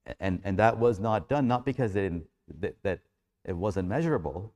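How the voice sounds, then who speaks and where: A man's voice: lowish voice, expressive, normal speed, darkish tone. A man speaking as a panelist in an academic discussion, conversational and thinking aloud, often restarting his phrases.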